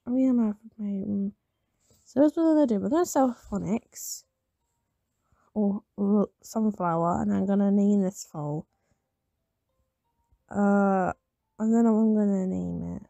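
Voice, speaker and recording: Sleepy, slightly raspy woman, just woken up. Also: mid-range voice, a little slow, long pauses, warm tone, dry recording, lo-fi sound. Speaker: gamer narrating gameplay. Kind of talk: casual gameplay commentary.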